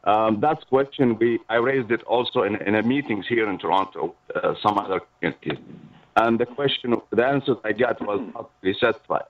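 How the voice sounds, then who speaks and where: A middle-aged man from Iraq, calling in to a radio show and searching haltingly for his words. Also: lowish voice. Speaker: caller. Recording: distant tinny phone line.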